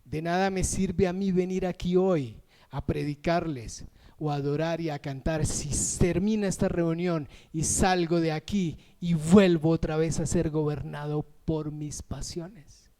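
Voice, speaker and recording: A man preaching a lively, emotional sermon as pastor, raising his voice when moved and acting out quick everyday voices. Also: fairly high pitch. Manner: acts out everyday voices in asides.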